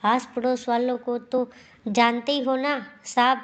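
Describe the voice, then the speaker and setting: A fussy older mother-in-law scolds and grumbles in a fairly high, level voice, spoken by a woman narrating. She nags in an unhurried way, a storybook elder who is hard to please. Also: level tone, close to an everyday voice. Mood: scolding. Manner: nagging, complaining.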